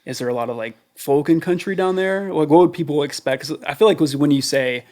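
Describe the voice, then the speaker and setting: A man's voice: a little high, a little fast, a little mellow. A man hosting a studio interview, asking loose, rambling questions full of fillers. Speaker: interview host. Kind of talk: casual interview chat. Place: recording studio.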